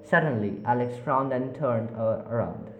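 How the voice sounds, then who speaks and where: A man narrating a spooky story in a measured, unhurried way with small slips. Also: medium pitch, phone-quality sound, faint music behind. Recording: roomy echo.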